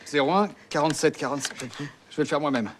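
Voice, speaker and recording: A man's voice: fairly high pitch, fast, background noise, natural voice. A man playing an exasperated, impatient schemer. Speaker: film character. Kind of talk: film comedy acting.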